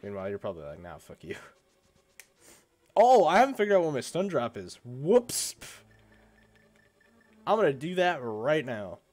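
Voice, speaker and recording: A man's voice: a little high, wildly swooping pitch, normal speed, darkish tone. Sick, groaning male streamer. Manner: groaning, self-mocking complaints. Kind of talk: casual game-stream chat.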